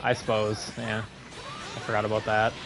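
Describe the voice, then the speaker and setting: A man co-hosting a live game stream in casual chat, easygoing and agreeable, laughing often and filling pauses with "like" and "um". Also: lowish voice, completely flat delivery, gravelly, fairly bright tone, faint music behind, low-quality recording. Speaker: streamer co-host.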